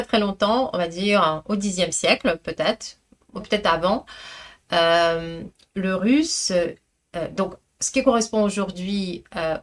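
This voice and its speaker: Slow, careful woman teaching pronunciation. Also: mid-range voice. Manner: slow, careful, models words repeatedly. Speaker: Russian language teacher. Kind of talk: pronunciation lesson.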